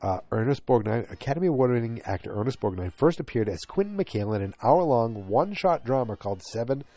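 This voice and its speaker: This podcast host, a man in his forties, sounds stuffed up as he talks solo from home late at night. His medium-pitched, mellow voice is fast and very animated, and he rambles with plenty of fillers and restarted sentences.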